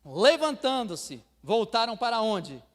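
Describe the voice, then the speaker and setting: A Brazilian pastor from Bahia preaching a sermon, swinging from hushed asides to loud proclamations and acting out believers for laughs. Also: male voice, high-pitched, big pitch swings, unhurried. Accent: Brazilian Portuguese, Bahia. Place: church sanctuary. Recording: long hall reverb.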